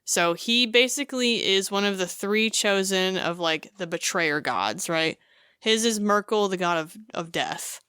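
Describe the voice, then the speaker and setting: A woman co-hosting a podcast, recounting a game scene in casual chat, animated and full of fillers. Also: mid-range voice, measured pace, clear, resonant tone, no echo, clean studio sound. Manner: animated storytelling with many fillers. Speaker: podcast co-host.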